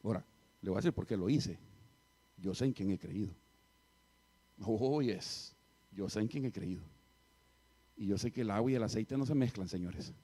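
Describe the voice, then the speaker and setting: A middle-aged man preaching a sermon as pastor, telling a story and swinging from loud passages to hushed ones. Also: lowish voice, normal speed, long pauses, breathy edge.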